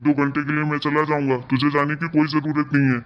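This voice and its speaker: A man's voice: on the high side, monotone, fast talker, natural voice. A man voicing a stern, domineering elderly father-in-law in a cartoon story, scolding harshly. The recording is slightly dull and lo-fi. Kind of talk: cartoon voice acting.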